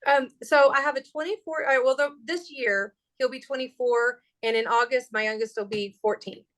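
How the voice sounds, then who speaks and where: A high-pitched woman in her forties talks as a guest chef in a relaxed interview. She is lively and chatty, and she jokes a lot as she explains her approach. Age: 40s. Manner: animated, chatty, quick to joke. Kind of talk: casual interview chat.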